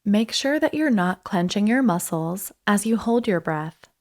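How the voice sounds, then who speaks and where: Slow-paced woman guiding a breathing meditation. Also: medium pitch, lively intonation, a little mellow. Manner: soothing, unhurried instruction with pauses. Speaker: guided meditation instructor.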